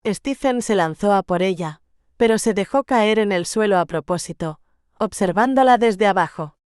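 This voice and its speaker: A woman narrating a romance novel audiobook in a measured, gentle storytelling manner. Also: mid-range voice, lively intonation, clear, resonant tone, dry recording, clean studio sound.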